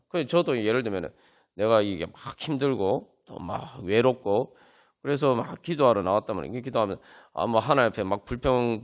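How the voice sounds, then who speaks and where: A man preaching a sermon at a Friday prayer meeting, earnest and full of fillers, building to emphatic peaks. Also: medium pitch. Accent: Seoul Korean. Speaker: pastor. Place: church sanctuary.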